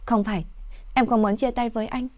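A woman's voice: fairly high pitch, fairly even intonation, a little fast, darkish tone, no echo, pitched above the performer's own voice, natural voice. A woman voicing a clingy, weepy young ex-girlfriend who pleads in tears, in a read-aloud story. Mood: tearful begging. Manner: pleading, tearful.

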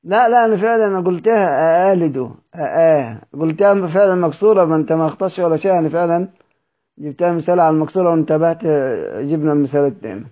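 A man with an Egyptian accent teaching Quran recitation rules in an online lesson, explaining slowly and repeating example words in drawn-out form. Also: fairly high pitch, highs cut off. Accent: Egyptian Arabic.

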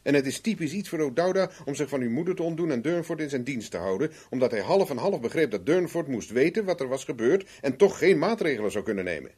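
An actor with a Netherlands Dutch accent plays a shrewd, self-assured private investigator in a 1970s radio play, sounding measured, persuasive and knowing. His male voice is a little high, a little mellow and slightly rough, with lively intonation, and the mood is knowing and insistent.

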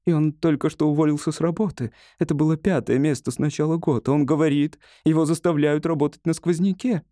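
A man voicing an anxious, timid middle-aged wife in an audiobook, speaking softly and pleadingly. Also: fairly high pitch, fairly quick, no room sound, studio quality, pitched above the performer's own voice, natural voice. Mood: worried. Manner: soft, worried, pleading. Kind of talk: audiobook character voice.

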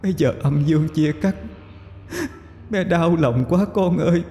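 A man's voice: a little high, big pitch swings, slow, warm tone, faint music behind, voice pushed up. A man voicing the ghost of a young mother, speaking in an anguished, bitter lament. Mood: grieving. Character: vengeful young woman ghost, grieving mother. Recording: long hall reverb.

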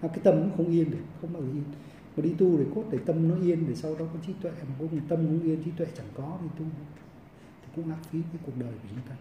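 A Buddhist monk teaches monastic discipline, stumbling through repeated fillers as he goes. His man's voice sits a bit high yet sounds very mellow and dark. The room is echoey and the mic is set some distance away. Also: slight background noise. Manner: halting, with many repeated fillers and restarts. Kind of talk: Dharma lecture. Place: monastery hall. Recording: roomy echo, mic at a distance.

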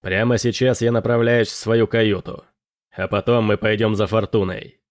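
A man's voice: on the low side, steady tone, normal speed, no room sound, natural voice. A man voicing a tired, sardonic pirate officer who speaks in a dry, curt way.

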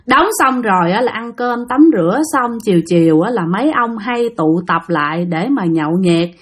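A woman with a Southern Vietnamese accent narrates a ghost story to her listeners. Her voice sits a little high, and she talks in a loose, chatty way, often trailing her phrases with a drawn-out syllable. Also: a bit bright.

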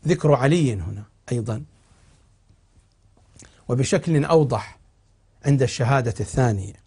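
A man speaking as a cleric in a TV religious lecture, reciting old narrations and then explaining them slowly and with emphasis. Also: medium pitch, animated, dark tone, breathy edge. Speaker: cleric teaching on TV. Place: television studio.

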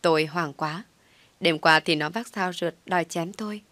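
Woman storyteller, low voice, dry close recording, steady scripted narration. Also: moderate pace, no echo. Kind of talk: scripted first-person narration of a comic story.

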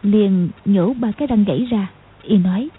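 A woman narrating an audiobook in a steady storytelling manner. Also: medium pitch, moderate pace, breathy edge, narrow, tinny audio. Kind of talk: scripted narration.

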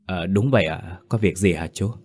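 A man's voice: low-pitched, moderate pace, slightly rough. A man doing a deferential young driver. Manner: polite and deferential.

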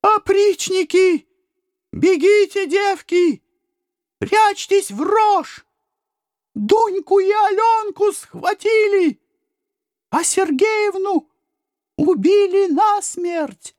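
A man's voice: very high-pitched, extremely slow, long pauses, darkish tone, no room sound, studio quality, pitched above the performer's own voice, heavily acted. A man voicing panicked village women who cry out a warning in a storybook reading. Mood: wailing. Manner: crying, wailing.

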